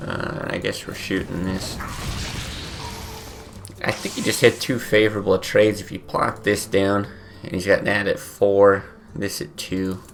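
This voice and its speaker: A man's voice: deep voice, flat delivery, unhurried, vocal fry, music in the background. A sleepy man with his morning voice, casually thinking aloud while playing a card game, with many fillers. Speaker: game streamer. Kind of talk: casual gameplay commentary.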